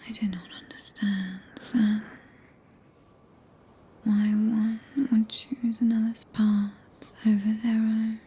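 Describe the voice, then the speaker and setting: A woman with a British accent playing a regal, tender witch consort in a whispered ASMR roleplay, breathy and soothing, with archaic phrasing. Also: fairly high pitch, level tone, dark tone, lo-fi sound, heavily acted. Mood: solemn, devoted. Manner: slow, archaic, soothing speech.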